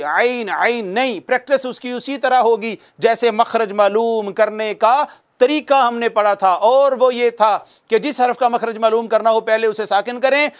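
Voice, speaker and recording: A man teaching a recitation class, patiently repeating sounds and asking questions that he answers himself. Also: very high voice. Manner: patient, repeats sounds slowly for students to copy. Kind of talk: recitation lesson.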